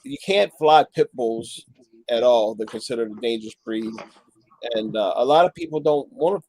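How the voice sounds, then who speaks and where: Male live-chat co-host, mid pitch, husky, halting casual delivery. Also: animated, a little mellow, no room sound, poor audio. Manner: halting, many fillers and restarts.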